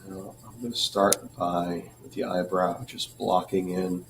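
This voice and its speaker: A man giving a drawing tutorial, talking through each step in a relaxed way, clearing his throat now and then as he loses his voice. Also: low-pitched, unhurried, recorded from a distance, background noise. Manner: relaxed, thinking aloud while drawing, frequent throat clearing. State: losing his voice. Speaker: art teacher.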